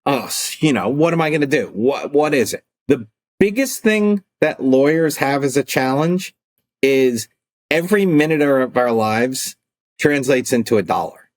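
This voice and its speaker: A man's voice: medium pitch, unhurried. A middle-aged man, an attorney turned coach, talking casually in a podcast interview and acting out calls and arguments as he tells stories. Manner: animated, acts out phone calls and arguments.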